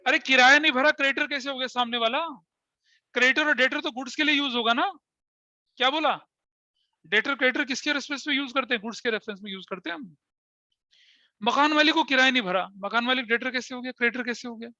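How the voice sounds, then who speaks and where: Male teacher quizzing his class, bright punchy voice, dry kinda dull recording. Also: very high-pitched, quick pace, dry recording. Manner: questioning, repeats key terms, checks if students follow. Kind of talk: classroom accounting lesson, mixing in English. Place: classroom with online students.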